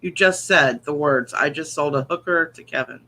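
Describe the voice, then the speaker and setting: A woman's voice: sits low, moderate pace, pushed and bright. A woman co-hosting a live show in casual chat, with a teasing, correcting manner. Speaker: live online show co-host. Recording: clear background noise.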